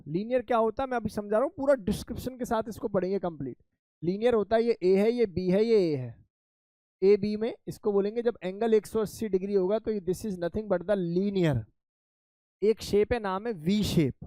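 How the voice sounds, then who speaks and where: A man's voice: high voice, mellow, no room sound. A male chemistry teacher, lecturing a classroom of offline and online students, repeating questions and coaxing them by name. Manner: calls students by name, says beta and bhai.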